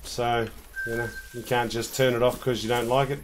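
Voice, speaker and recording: Man from New Zealand, game streamer, casual chatty commentary, mid-pitched voice, faint hiss. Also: normal speed. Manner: relaxed, chatty, with fillers.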